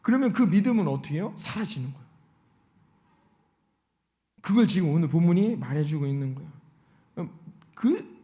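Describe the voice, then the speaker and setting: A man's voice: fairly high pitch, dark tone. A male pastor preaching a Sunday sermon in a church, often putting rhetorical questions to the congregation. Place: church sanctuary. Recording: dull lo-fi sound.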